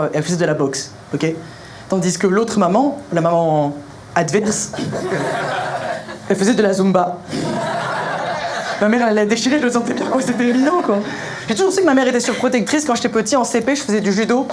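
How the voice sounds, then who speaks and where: A young man performing punchy stand-up comedy in colloquial, slangy language, telling animated stories and acting out dialogue. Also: high-pitched. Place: live comedy venue. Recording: live show recording with clear noise.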